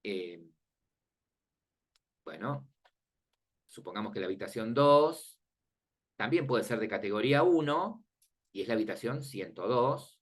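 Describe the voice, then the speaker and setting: A man with a lowish, animated voice gives an unhurried database lecture marked by long pauses. Friendly and informal, he walks the class through each step and often makes sure they're keeping up.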